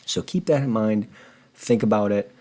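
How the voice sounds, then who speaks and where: A man's voice: fairly low pitch, moderate pace, dark tone. A man hosting a personal finance channel, explaining figures from a spreadsheet in an earnest, conversational way. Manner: earnest, conversational, repeats words when rephrasing. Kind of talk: casual explainer walking through a spreadsheet.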